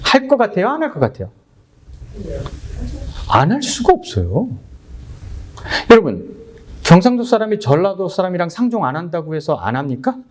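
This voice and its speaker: A middle-aged male pastor giving a conversational sermon, retelling a Bible story in acted dialogue and putting questions to the congregation. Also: sits high. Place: church sanctuary.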